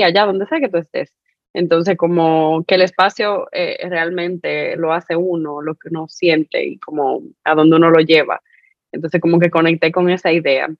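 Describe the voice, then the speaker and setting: A woman's voice: mid-range voice, dry recording. Female co-host, reflective and rambling, dry close lo-fi sound. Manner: thoughtful, many fillers and restarts. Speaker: podcast co-host. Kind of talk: reflective conversational sharing.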